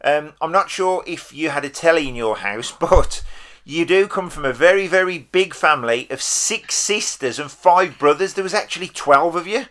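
A man hosts a podcast interview in a chatty style. His voice sits a little high and has a clearly bright, forceful edge. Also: expressive, moderate pace. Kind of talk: casual interview.

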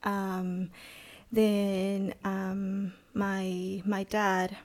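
A woman in her thirties from El Salvador, with a Salvadoran Spanish accent, is a podcast guest telling her personal testimony. Her medium-pitched delivery is completely flat and halting, marked by frequent pauses and restarts.

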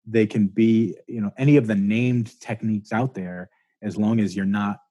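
A low-pitched man with a husky, mellow voice, talking thoughtfully as a chiropractor guest. He explains at length and hedges his claims. The sound is dry and close to the mic. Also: fairly even intonation, normal speed, no echo. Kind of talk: casual interview talk.

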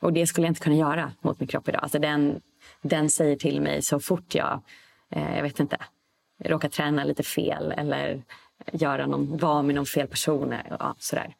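A woman speaking as a podcast guest in an easy, reflective way. Her voice is very low, with a gravelly creak at the ends of her phrases, and she often pauses to find her words. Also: level tone. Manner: reflective, thinks aloud with pauses. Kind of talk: casual podcast conversation.

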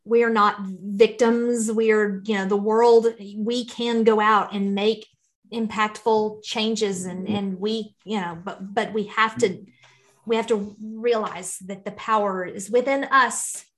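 A woman's voice: mid-range voice, fairly even intonation, slow. A woman talking conversationally as a podcast guest, in an earnest, encouraging way. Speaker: podcast guest, financial educator for parents. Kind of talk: conversational interview talk.

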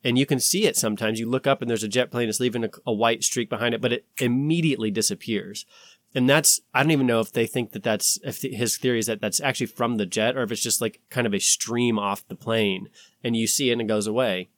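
A man's voice: medium pitch, steady tone, fast talker, no room sound. A man talking casually as a podcast host, rambling and swearing, with an insistent, conspiratorial warning tone as he acts out imagined exchanges.

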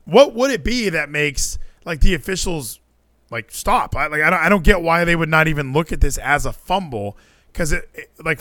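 In this dry recording, a man with a fairly high, slightly bright voice co-hosts a podcast. He talks about a football game in a loose, lively way, peppering his speech with fillers and curse words.

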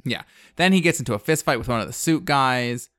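A man's voice: medium pitch, lively intonation, a little fast, a bit bright, clean tone, dry recording. A man in his thirties hosting a podcast, recapping a film in casual chat, blunt and sarcastic, with plenty of fillers. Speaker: podcast host.

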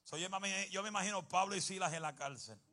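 A man preaching a sermon, animated and humorous, bursting into shouts. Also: high voice, fast.

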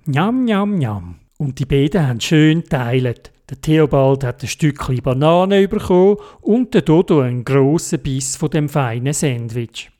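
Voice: mid-range voice, normal speed, hardly any pauses. A storyteller with a Swiss German accent telling a children's story in a sing-song way. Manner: sing-song, lively, singing little songs.

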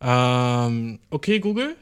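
A man's voice: medium pitch, very animated, takes it slowly, clean tone. A man podcasting from home, ranting in a casual, restless way, swearing a lot and dropping English slang. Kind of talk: casual rant to the listener.

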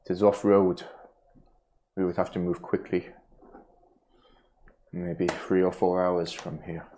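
A game master playing a grave, wary monster hunter who speaks in a measured, solemn way. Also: low voice, flat delivery, mellow, slight background noise, voice pushed down. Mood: grave, cautious. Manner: measured, solemn, uncontracted speech.

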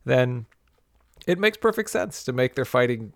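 A man recapping comic plots for a podcast with a wry, critical edge. His pitch moves a lot while he talks. The sound is dry, with no room echo. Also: very animated, a little slow, creaky. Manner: summarizes plot, wry and critical. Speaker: podcast co-host. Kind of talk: casual comic book discussion.

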